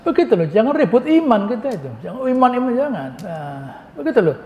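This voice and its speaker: A man's voice: very high voice, big pitch swings, fast, darkish tone, lo-fi sound. A man giving a mosque lecture on Quran commentary, talking conversationally, answering his own rhetorical questions and dropping joking asides. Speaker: Islamic preacher. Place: mosque hall. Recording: long reverb of a mosque hall.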